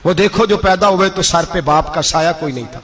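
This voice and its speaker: An impassioned male preacher tells a moral story. His fairly high voice swells to emphatic peaks as he presses each point home. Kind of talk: emotive sermon storytelling.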